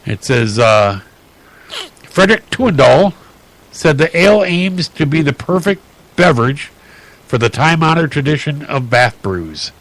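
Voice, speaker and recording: A man hosting a radio talk show, reading odd news stories aloud in a chatty, halting way with many fillers and restarts. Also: a little high, big pitch swings, a bit bright, rough recording.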